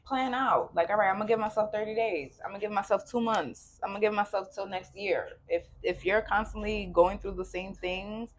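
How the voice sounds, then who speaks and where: Young woman on a podcast, chatty, acts out what she said, normal pitch. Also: brisk, few pauses, slight background noise. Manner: animated storytelling, acts out her own quoted lines. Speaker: podcast co-host. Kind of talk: casual podcast conversation.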